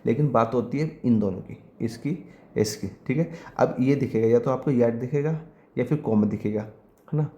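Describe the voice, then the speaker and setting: A man teaching an English grammar lesson for exam preparation, dictating example sentences slowly and repeating them word by word. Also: medium pitch, mellow, echoey room, muffled recording.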